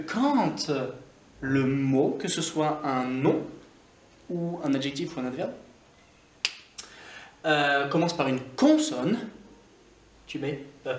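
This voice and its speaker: Guy explaining english grammar, bit higher voice, echoey room, faint hiss. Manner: casual, repeats example words slowly, thinks aloud with fillers. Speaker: English teacher.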